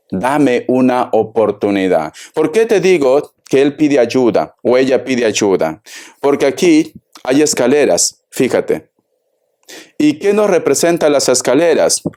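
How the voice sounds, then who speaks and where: A man giving a tarot reading, speaking slowly and deliberately and addressing the listener directly. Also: medium pitch, darkish tone. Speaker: tarot reader.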